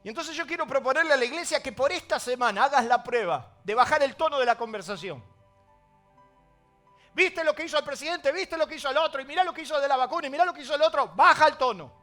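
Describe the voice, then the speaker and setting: A man with a Rioplatense Spanish accent preaching a sermon as pastor, swinging between loud emphasis and hushed asides. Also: very high-pitched, animated, quick pace, soft background music.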